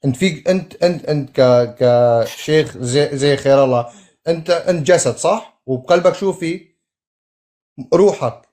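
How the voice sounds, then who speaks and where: A man arguing his side in a religious debate, halting and stammering as he searches for words. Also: on the high side, warm tone. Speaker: debate opponent.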